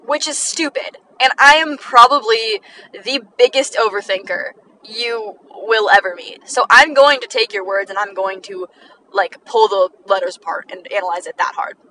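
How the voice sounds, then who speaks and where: Teen girl, podcast ramble, bright tone, mic a bit distant with faint noise, chatty and self-deprecating. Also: on the high side. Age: teens, sixteen. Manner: chatty, many likes, quick laughs, self-deprecating. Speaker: podcast host. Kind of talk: rambling casual monologue.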